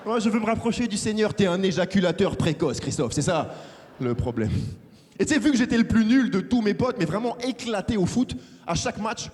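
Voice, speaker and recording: A young man from France doing a lively stand-up comedy set, acting out characters in a big theater. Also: sits high. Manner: animated, acts out characters. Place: large theater stage with audience. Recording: live hall reverb.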